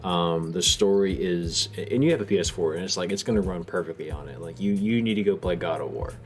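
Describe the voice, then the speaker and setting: A man co-hosting a sports podcast, talking casually, emphatic and excitable, with casual swearing. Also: low voice, a little fast, faint music behind. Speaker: podcast co-host.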